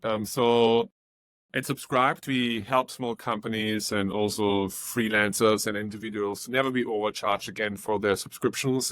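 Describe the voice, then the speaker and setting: In a dry recording, a fairly low, slightly bright male voice belongs to an Austrian startup founder with an Austrian German accent. He responds to interview questions in an earnest way, peppering his answers with lots of um and uh.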